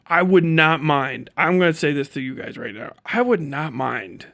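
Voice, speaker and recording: A man with a fairly high, slightly slow voice and some vocal fry hosts a livestream, talking off the cuff in a blunt, slangy, profane way. He gets animated and acts out bits of imagined dialogue through his casual, unscripted monologue.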